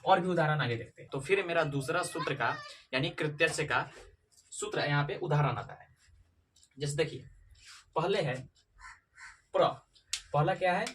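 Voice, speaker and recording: A man teaching a grammar lesson, repeating key points and asking his students questions, slowing down to spell out individual sounds. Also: a little high, fairly bright tone, recorded from a distance. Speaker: Sanskrit teacher. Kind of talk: classroom-style grammar lesson.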